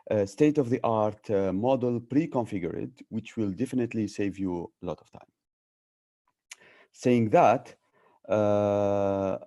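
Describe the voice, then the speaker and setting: A man presents a technical tutorial on a video call. His voice is fairly low and soft-edged, with a dark tone. He speaks haltingly, often pausing on filler sounds as he explains. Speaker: tutorial presenter, data scientist. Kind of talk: technical presentation with screen sharing.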